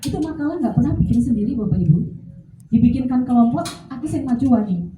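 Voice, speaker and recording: A woman's voice: a little high, fast. Javanese-accented woman lecturing in a hall. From Central Java. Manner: animated, joking, slips into Javanese phrases. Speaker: workshop speaker for teachers. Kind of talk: lively lecture to an audience. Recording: echoey hall, mic at a distance, faint noise.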